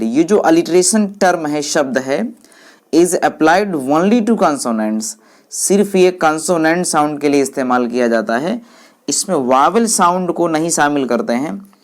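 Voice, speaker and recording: A woman teaching English, explaining each point slowly and repeating English phrases in Hindi while speaking to viewers as friends. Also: sits low, a little mellow.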